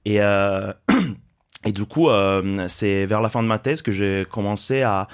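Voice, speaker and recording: A man from Turin with an Italian accent, a native Italian speaker, explaining things calmly as a podcast guest with frequent hesitations. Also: lowish voice, smooth. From Italy, Turin. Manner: measured, explanatory, many hesitations. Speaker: startup founder, podcast guest. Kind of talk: casual interview.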